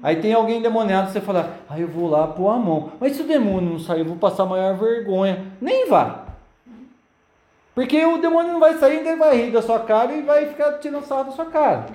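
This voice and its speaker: A man's voice: extremely high pitch, animated, fairly quick, warm tone, echoey room. A man preaching a sermon and telling his own story, acting out the voices of demons and people. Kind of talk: sermon testimony.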